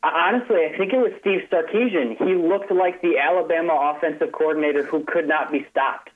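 A man's voice: fairly high pitch, brisk. A man on a tinny phone line. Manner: chatty, restarts phrases, light laughs. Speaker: sports writer guest. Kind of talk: casual call-in analysis. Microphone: telephone.

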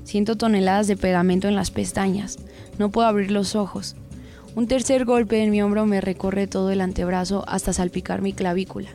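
A woman giving a dramatic first-person story reading, full of crude slang and unhurried delivery. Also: medium pitch, level tone, warm tone, faint music behind. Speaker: narrator.

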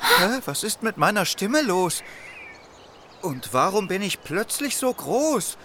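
A man's voice: high-pitched, sing-song, takes it slowly, noisy background, heavily acted. A man voicing a boy turned ninja who is stuck in a tree, in a children's audio drama, hesitant and full of fillers. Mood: startled.

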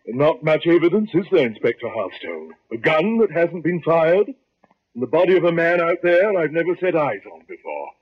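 A man's voice: fairly high pitch, sing-song, moderate pace. An actor playing an evasive businessman under suspicion in a 1950s radio drama, protesting and defensive. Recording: muffled old radio recording.

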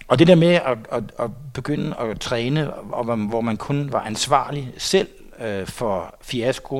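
Guest, older man in his 60s, reflective and halting with many pauses and restarts. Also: medium pitch, creaky. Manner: hesitant, many fillers and restarts. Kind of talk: reminiscing interview talk. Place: studio.

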